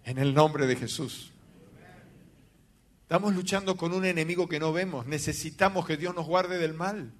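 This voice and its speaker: A man, a pastor telling a dramatic story in a sermon with sudden loud outbursts. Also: a little high, normal speed.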